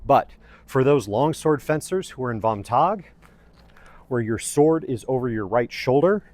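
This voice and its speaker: A man teaching a fencing lesson, explaining technique in a methodical, deliberately phrased way. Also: mid-range voice, no echo. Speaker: fencing instructor. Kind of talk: instructional lesson, explaining footwork.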